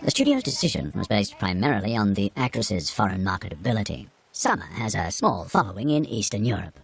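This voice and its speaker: A man's voice: fairly low pitch, very animated, brisk, gravelly. A man giving scripted narration in a dry, matter-of-fact way.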